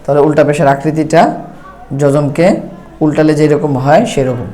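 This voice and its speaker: A man teaching Quran reading, spelling out syllables slowly and then explaining briskly. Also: fairly high pitch, level tone, mellow. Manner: drawn-out syllable-by-syllable recitation; brisk explaining between drills. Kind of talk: slow spelled-out reading lesson.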